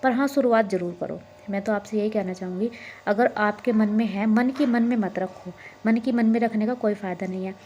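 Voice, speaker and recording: Woman, 30s, homemaker vlogger; earnest, encouraging casual talk, dark relaxed timbre. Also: mid-range voice, a little fast, muffled recording, soft background music. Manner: earnest, encouraging, repeats herself. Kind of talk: casual motivational vlog talk.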